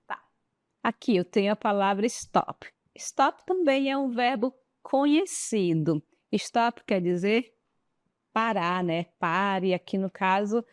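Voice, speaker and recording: Woman teacher with a Brazilian accent, slightly high voice, slow and patient, dry studio sound, checks in with the class constantly. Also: a little mellow, dry recording. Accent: Brazilian Portuguese. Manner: explains step by step, checks understanding with frequent tag questions. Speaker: English teacher. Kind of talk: classroom lesson.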